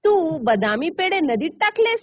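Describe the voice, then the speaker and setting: A woman voicing a scolding mother who is quick to shout, with an exclaiming manner, over a tinny line. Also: very high voice, big pitch swings, voice pushed up, heavily acted. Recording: tinny phone-like sound.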